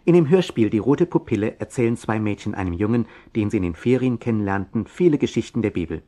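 A man's voice: fairly low pitch, lively intonation, fast talker, mellow. A man presenting a children's Bible program in scripted narration, instructing listeners directly.

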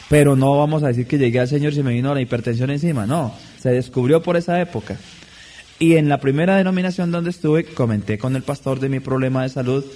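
A man preaching a sermon in a measured, deliberate way, stressing key words. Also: mid-range voice, warm tone.

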